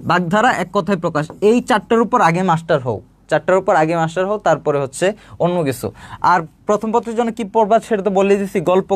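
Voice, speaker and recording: A young man from Bangladesh giving an online exam-prep lesson, repeating points with a fast pep-talk manner. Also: high-pitched. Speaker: admission test tutor.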